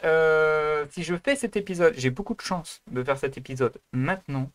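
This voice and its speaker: Male video host, fairly high and smooth, dry close sound, rambling and self-deprecating with lots of hesitation. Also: normal speed, no echo. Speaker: YouTube host. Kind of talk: casual improvised video intro.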